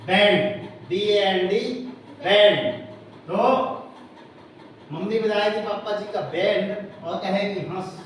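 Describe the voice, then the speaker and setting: A man's voice: sits high, fairly even intonation, takes it slowly, a little hiss or hum. A man tutoring a class in English, spelling words out letter by letter and quizzing his students. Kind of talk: classroom teaching. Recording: echoey room recorded from a distance.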